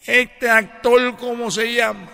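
A gravelly ghost father from hell. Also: extremely high pitch, steady tone, slow pace, bright, forceful tone, full character voice. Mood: spooky, slow. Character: dead old father ghost speaking from hell. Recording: long hall-like reverb, music underneath.

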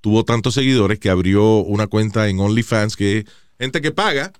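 A man's voice: fairly low pitch, normal speed, clean tone, no room sound, clean studio sound. A man co-hosting a talk show, chatting casually while switching between Spanish and English and swearing freely. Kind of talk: casual bilingual chat.

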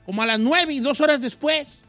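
High bright-voiced man telling a story. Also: fairly quick, faint music behind. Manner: animated slangy storytelling, acts out voices. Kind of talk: casual storytelling chat.

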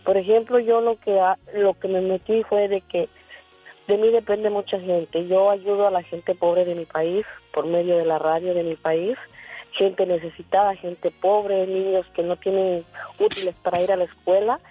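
A woman's voice: medium pitch, fairly even intonation, moderate pace, slightly rough, soft background music. A woman calling in to a radio show, sharing earnest, heartfelt advice. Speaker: caller. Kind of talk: phone-in testimony. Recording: tinny dry phone line.

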